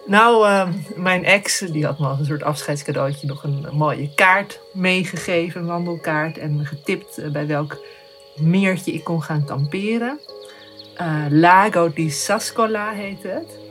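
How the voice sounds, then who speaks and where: Young woman, reflective storyteller, hesitant and halting, soft music underneath. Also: fairly low pitch. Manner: hesitant, many fillers and restarts. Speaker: guest telling a solo hiking story.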